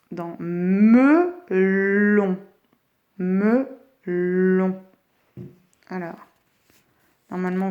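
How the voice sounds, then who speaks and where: A woman teacher giving a phonics lesson to young children, stretching each word slowly as she says it. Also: a little high, darkish tone, lo-fi sound. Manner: slow, drawn-out words for children.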